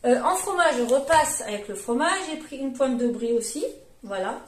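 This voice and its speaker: A woman's voice: sits high, animated, normal speed. A woman in her forties chatting casually in a vlog, rambling along with lots of fillers and self-corrections. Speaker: vlogger, mother. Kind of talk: casual grocery haul chat. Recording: echoey room.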